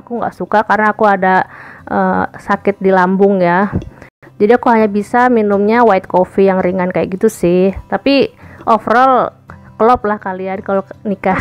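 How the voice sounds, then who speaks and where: A woman from Indonesia talks to her viewers in a relaxed, conversational vlog. Her voice sits at an ordinary middle pitch, friendly and chatty, with quick hesitations and direct asides to the audience. Soft music plays faintly underneath. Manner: chatty, addresses viewers as guys, frequent eh fillers. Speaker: vlogger. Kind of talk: casual chat to camera. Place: home in Morocco.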